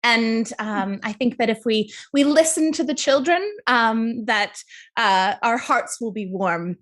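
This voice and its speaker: Woman playing a halting, dreamy oddball. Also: on the high side, fairly bright tone. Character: creepy woman who loves children. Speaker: game show contestant. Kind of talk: improv comedy character.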